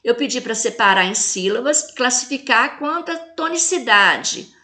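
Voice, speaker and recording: A woman with a Brazilian accent teaches children in a recorded video lesson. Her voice sits a little high, and she stretches out each example word slowly and clearly. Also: animated, bright, forceful tone. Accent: Brazilian Portuguese. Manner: slow, drawn-out syllables when reading example words.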